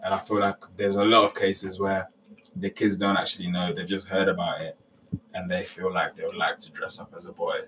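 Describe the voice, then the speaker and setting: A man's voice: deep voice, flat delivery, a little fast, fairly bright tone. A young man with a London roadman accent, talking casually and meanderingly in slang. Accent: London, urban street slang. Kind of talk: casual group chat. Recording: distant mic with background noise.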